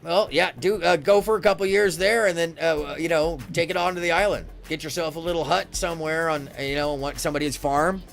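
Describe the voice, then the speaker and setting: A middle-aged American man hosting a casual live stream, chatting in a halting, rambling way that often circles back. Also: a little high, fairly even intonation, creaky, fairly bright tone. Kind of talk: casual chat. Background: faint music.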